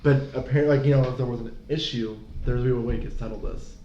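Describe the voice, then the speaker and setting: A man's voice: medium pitch, fairly even intonation, fast, mellow. A man co-hosting a podcast who chats casually in a rambling, profane way. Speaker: podcast co-host. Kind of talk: casual chat. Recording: roomy, dull, faint noise.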